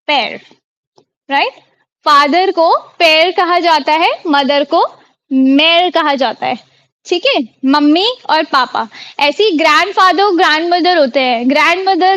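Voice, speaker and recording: A live French class is taught over a video call by an Indian woman, an online tutor who quizzes her students and repeats each word. She sounds high-pitched, unhurried, and fairly bright, with no echo.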